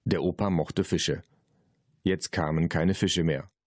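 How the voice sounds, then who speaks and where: Ein Mann liest ein Kinderhörbuch vor, lebendig erzählend und trocken pointiert. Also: male voice, low-pitched, steady tone, slow pace, darkish tone, no room sound, clean studio sound. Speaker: Hörbuchsprecher. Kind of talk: Hörbuchlesung.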